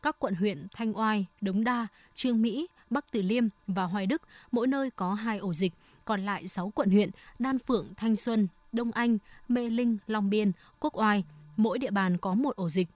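A woman presents scripted radio news. Her delivery is formal and measured, in a medium-pitched voice. The sound is close and dry, with little room in it. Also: darkish tone, dry recording.

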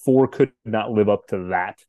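Man in his thirties, podcast co-host, thoughtful casual chat, low warm voice. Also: moderate pace, no room sound, highs cut off. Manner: thoughtful, hesitant, restarts sentences.

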